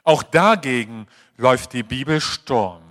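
A male preacher delivering a sermon, acting out quoted voices and swinging between emphatic passages and quiet, confiding asides. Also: medium pitch, unhurried. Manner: animated, acts out quoted voices. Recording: long hall reverb.

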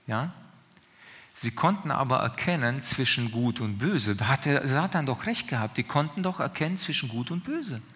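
A man's voice: medium pitch, a bit bright. A man preaching a sermon in a conversational, questioning way, often checking in with his listeners. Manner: questioning, conversational, drawn-out pauses. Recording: long reverb of a hall.

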